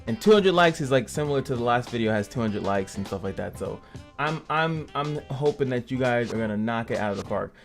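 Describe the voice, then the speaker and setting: A man's voice: mid-range voice, expressive, brisk, soft background music. A man hosting a casual gaming commentary channel, joking and chatty as he reviews a character. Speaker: game reviewer and channel host.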